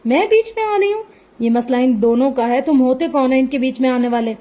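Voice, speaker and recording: A woman's voice: high voice, steady tone, warm tone, natural voice. A woman voicing a stern but caring middle-aged aunt who scolds and fusses. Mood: alarmed. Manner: scolding, bossy.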